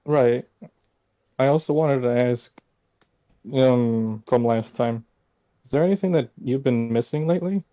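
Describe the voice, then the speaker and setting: A man's voice: mid-range voice, measured pace, pauses often, highs cut off. A man casually role-playing as a tabletop game player, laid-back and a little tentative. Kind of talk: casual role-play chat.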